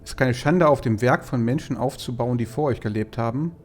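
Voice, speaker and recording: A man's voice: mid-range voice, brisk, slight background noise. A man playing a video game, thinking aloud and reading out his dialogue choices in a pensive way. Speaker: let's player. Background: game music.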